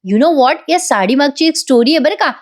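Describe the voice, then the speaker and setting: A woman's voice: sits high, expressive, normal speed, pitched above the performer's own voice. A woman voicing a playful young husband who jokes and coaxes his wife. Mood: teasing. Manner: joking, coaxing.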